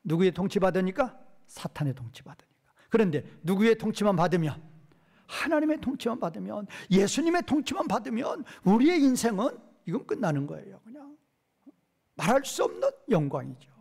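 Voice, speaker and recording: Emphatic high-voiced male preacher. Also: very animated, vocal fry, a little mellow, slightly rough. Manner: emphatic, asks the hearers questions and answers himself; reads verses slowly and drawn out. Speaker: pastor. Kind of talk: expository Bible lecture.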